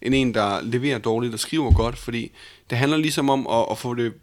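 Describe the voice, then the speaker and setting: A young man co-hosting a podcast, talking casually with many fillers and restarts. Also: mid-range voice. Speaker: podcast co-host and battle judge.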